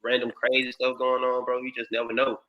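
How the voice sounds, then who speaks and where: A man's voice: mid-range voice, monotone, fairly quick, lo-fi sound. A man co-hosting a podcast, talking in an easygoing, slangy way and calling people "bro.". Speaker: podcast co-host. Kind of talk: casual podcast conversation.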